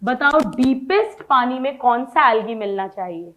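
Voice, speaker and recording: High-voiced woman teacher quizzing her class. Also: lively intonation, moderate pace, bright, forceful tone, a little hiss or hum. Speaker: biology teacher. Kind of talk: classroom lecture, dictating notes.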